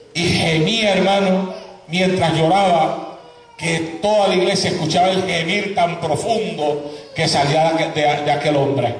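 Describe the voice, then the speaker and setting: A male pastor preaching a sermon in a large church hall, impassioned and often shouting. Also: sits high. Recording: echoey hall, voice from far off.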